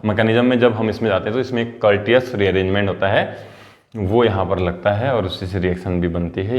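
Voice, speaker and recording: A male chemistry teacher giving a lively lecture, repeating key terms and coaxing his students to answer. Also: on the low side. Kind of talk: classroom lecture.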